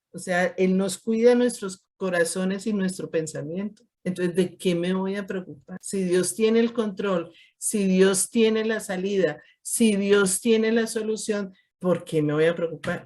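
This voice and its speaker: A woman's voice: medium pitch, darkish tone. Woman teaching a bible class, medium voice, lots of questions back to back, acts out little quotes.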